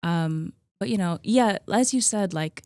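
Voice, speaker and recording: A woman's voice: medium pitch, unhurried, no room sound. A woman in her thirties, a guest on a podcast, talking casually and easily with plenty of "like" and "um" fillers. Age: 30s. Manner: chatty, relaxed, many likes and ums. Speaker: podcast guest, gym co-owner. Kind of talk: casual conversational interview.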